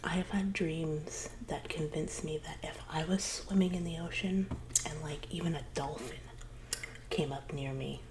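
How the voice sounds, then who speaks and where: A woman whispers her way through one side of a casual conversation in a whispered role-play. Her voice is low and hushed, slipping between soft whisper and murmur in a rambling, confiding way. Clear background noise sits behind her. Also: fairly even intonation, moderate pace.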